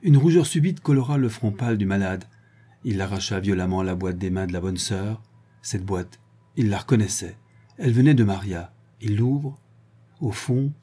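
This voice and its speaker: A man reading a literary short story aloud in a measured, expressive manner. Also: on the low side, breathy edge. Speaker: audiobook reader. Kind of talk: literary narration.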